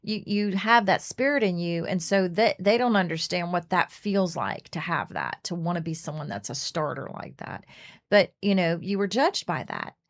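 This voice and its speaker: Lowish in pitch with lively intonation, this middle-aged woman talks at a moderate pace as co-host of a faith radio show. In the casual faith discussion she's earnest, frequently restarts her sentences, and performs quoted speech.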